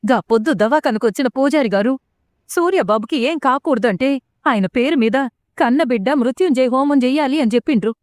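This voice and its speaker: A woman's voice: high-pitched, darkish tone, dry recording, studio quality. A woman voicing a worried village mother with a Telangana accent, pleading and urgent in a serial recap. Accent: Telangana Telugu.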